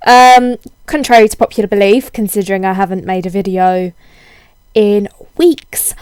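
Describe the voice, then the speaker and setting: A young woman with a cold-hoarsened voice, chatting casually in a rambling, self-deprecating way as a video blogger. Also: mid-range voice, fairly even intonation, moderate pace, a little mellow, no room sound. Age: young adult. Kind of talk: casual chatty vlog, answering tag questions.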